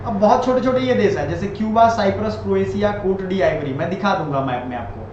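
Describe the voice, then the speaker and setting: With a high voice and darkish tone, a man talks a little fast while teaching exam prep, drilling answers and having the viewer repeat them. A very echoey room gives the audio a dull, lo-fi quality over a faint hiss.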